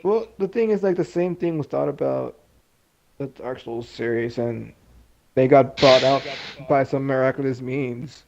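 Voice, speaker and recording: A man's voice: medium pitch, measured pace, vocal fry, darkish tone. A young man in a casual podcast chat, laid-back and agreeable. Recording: dull lo-fi sound.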